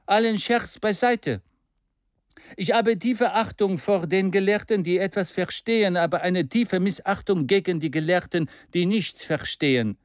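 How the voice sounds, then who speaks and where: A man's voice: sits high, measured pace, dry recording, clean studio sound, voice pushed up. A man reading aloud and voicing a bold, fiery male orator who speaks in a rousing, declamatory way. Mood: assured.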